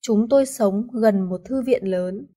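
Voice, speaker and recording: A woman reading translations of short phrases in an even, plain manner. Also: medium pitch, a little slow. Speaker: Vietnamese translation reader.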